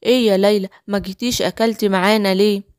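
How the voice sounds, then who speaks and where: A woman's voice: steady tone, quick pace, darkish tone, smooth, no room sound, lightly acted. A worried middle-aged father, played by a woman dropping her voice, talks firmly in Egyptian Arabic. He is a cartoon dad from a children's storybook. The sound is dry and close. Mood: calm. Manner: lowered, firm fatherly tone.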